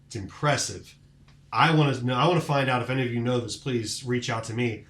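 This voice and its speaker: A man's voice: medium pitch, a bit bright. A man hosting a podcast, recapping bouts in casual, enthusiastic chat full of fillers. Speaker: podcast host. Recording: roomy echoing room.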